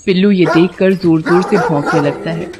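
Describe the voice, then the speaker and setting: A woman narrating an animated horror story in a steady storytelling voice. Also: lowish voice, normal speed, background noise.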